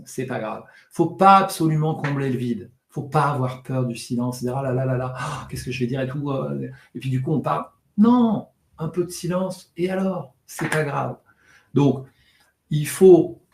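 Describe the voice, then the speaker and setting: In a live online session, a man with a mid-range voice coaches public speaking, jumping between his normal delivery and exaggerated demonstrations of shouting, rushing, and flat monotone for effect. He talks fast and swallows some words. The room has a noticeable echo, with a little hiss or hum.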